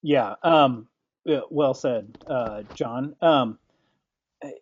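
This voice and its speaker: Man running a webinar Q&A; relaxed, halting, lots of ums; dry, muffled call sound. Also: medium pitch, no echo. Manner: relaxed, filler-heavy, hesitant. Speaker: webinar host. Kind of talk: casual webinar Q&A. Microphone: computer mic over an online call. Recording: dull, dry online call audio.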